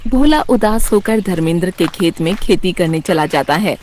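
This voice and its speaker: A woman narrating a children's cartoon story in an even, plain storytelling manner. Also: on the low side, normal speed.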